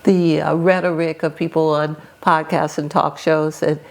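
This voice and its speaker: An older woman speaking as a guest on a casual podcast. Her voice is low and gravelly with vocal fry. She talks in an earnest, deliberate way and restarts her phrases. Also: little pitch movement, a little mellow.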